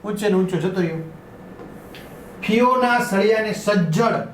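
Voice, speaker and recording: A man's voice: sits high, moderate pace, a little hiss or hum. A male teacher explaining a school lesson, repeating and rephrasing each line and checking in with his students. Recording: echoey room.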